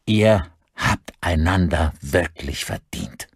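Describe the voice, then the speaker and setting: A man voicing a cold, vengeful older man who speaks slowly and deliberately in an audiobook. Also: low-pitched, animated, slightly rough, no echo, clean studio sound, heavily acted. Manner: slow, deliberate, icy.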